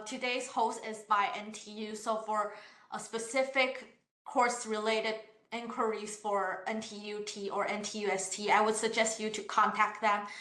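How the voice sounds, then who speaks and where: A woman from university admissions reads out questions and answers them in an online session over a computer mic, with roomy echo. Her mid-range voice is pushed and bright. Polite and explanatory, she hesitates a lot, with frequent "uh" fillers and restarts.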